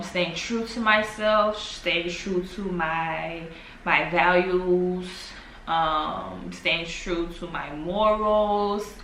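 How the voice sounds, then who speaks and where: Woman, 20s, casual vlogger. Low-ish bright voice, unhurried and musing, roomy echo with faint background hum. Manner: slow, musing, trails off with fillers. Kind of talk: casual reflective vlog talk. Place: home, in the evening. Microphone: camera. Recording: echoey room with faint ambience.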